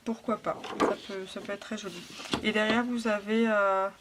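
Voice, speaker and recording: A woman hosting a casual scrapbooking haul, talking softly and hesitantly with frequent fillers. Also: medium pitch, level tone, moderate pace, heavy background noise. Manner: soft, hesitant, lots of fillers. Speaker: scrapbooking vlogger. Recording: packaging crinkles and clicks behind.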